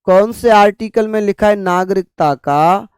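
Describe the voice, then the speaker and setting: A man's voice: high voice, a little slow, clear, resonant tone, no room sound. A young man teaching an online exam-prep lecture, repeating points and calling students his brothers and sisters.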